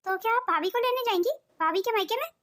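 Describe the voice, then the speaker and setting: A woman voicing a young sister-in-law in a cartoon, quick and obliging. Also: very high voice, a bit bright. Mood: chatty. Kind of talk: cartoon voice acting.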